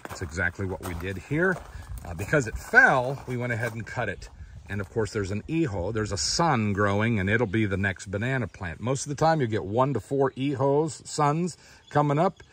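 A man's voice: fairly low pitch, expressive, moderate pace, fairly bright tone, slight background noise. Folksy older guy vlogging on his farm, voice swings up and down a lot, chickens clucking faintly behind. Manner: enthusiastic, folksy, explaining as he goes. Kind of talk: casual outdoor farm vlog. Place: outdoors on a farm by a chicken pen. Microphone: phone held at arm's length.

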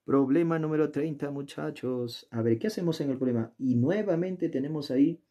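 Mellow and on the high side, this man's voice moves at a moderate pace as he tutors geometry. His approach is casual and chatty, with questions for the viewer and thinking out loud during the solution. The worksheet is filmed from above on a desk indoors.

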